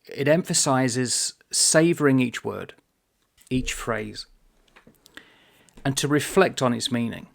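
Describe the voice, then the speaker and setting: Gravelly middle-aged man musing on reading. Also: medium pitch. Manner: thoughtful, pausing, musing aloud. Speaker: book vlogger. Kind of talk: reflective book vlog talk.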